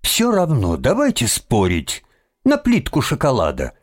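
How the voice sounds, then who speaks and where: A man's voice: medium pitch, wildly swooping pitch, unhurried, pitched above the performer's own voice. A man voicing an eager boy who boldly presses a wager on a grown-up.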